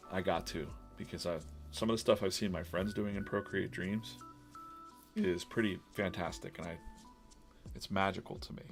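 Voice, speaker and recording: A man's voice: sits low, vocal fry. A man hosting a live drawing stream, chatting casually and rambling with frequent restarts as he works on a comic. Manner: rambling, self-interrupting, business-minded.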